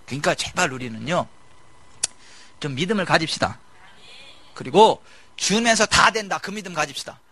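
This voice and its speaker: A male pastor giving a lively sermon, mimicking people and shouting his emphases. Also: on the high side, moderate pace, pauses often. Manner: animated preaching, mimicking congregants, shouting emphases. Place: church sanctuary.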